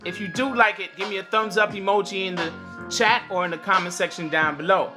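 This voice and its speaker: A man's voice: sits high, fairly even intonation, brisk, music in the background. Chatty man hosting a morning livestream. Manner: chatty, greets viewers by name, laughs often. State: slightly cracked voice. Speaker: host of a morning livestream for delivery drivers. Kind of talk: casual livestream chat.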